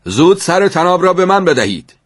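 A man voicing a proud, boastful young man who shouts out his strength. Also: high-pitched, very animated, pitched above the performer's own voice.

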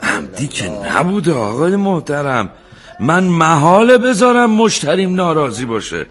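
An actor playing a devout neighborhood tailor who apologizes and reasons with an angry customer. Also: male voice, a little high. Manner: pleading and apologetic, reasoning calmly. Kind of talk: television drama acting.

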